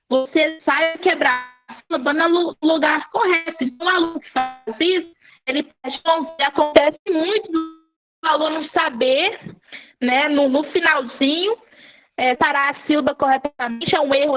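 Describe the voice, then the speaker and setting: A Brazilian woman teacher giving a live online writing class, patient and repeating key points. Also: high-pitched. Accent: Brazilian Portuguese. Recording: phone-like narrow audio.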